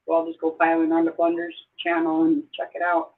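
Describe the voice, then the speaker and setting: An older woman from Southeast Idaho hosting a casual livestream chat, rambling and exclaiming as she gets excited. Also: sits low, brisk. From Southeast Idaho, USA. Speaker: livestream host. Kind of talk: casual live-stream chat. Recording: tinny phone-like sound.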